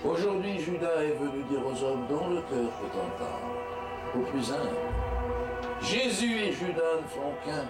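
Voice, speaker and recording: A comedian playing Judas, a solemn ageless wanderer, in a slow, grandiose stage monologue. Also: male voice, fairly high pitch, very animated, over loud music. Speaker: stand-up comedian.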